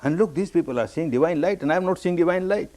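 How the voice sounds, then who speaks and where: A man from Burma giving a meditation discourse, telling his own story with repeated, emphatic phrases that jump up high on the key words. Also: fast talker, a little mellow. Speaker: meditation teacher.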